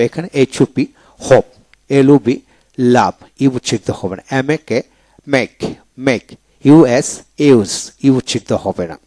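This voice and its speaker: A man teaching English pronunciation in a video lecture, spelling each word letter by letter and then repeating it slowly. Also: mid-range voice, a little mellow, dry recording.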